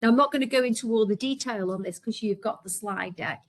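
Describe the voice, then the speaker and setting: This woman speaks with a Scouse accent and presents at a quick clip. She is earnest and practical, with frequent ums and small restarts as she works through her slides. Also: on the high side, rough recording. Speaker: healthcare leader presenting. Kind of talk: webinar presentation.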